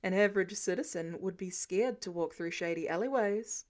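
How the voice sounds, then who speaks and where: A woman's voice: fairly low pitch, normal speed, voice pushed down, natural voice. Woman reads smug drawling rich man, middle-aged, dry and probing.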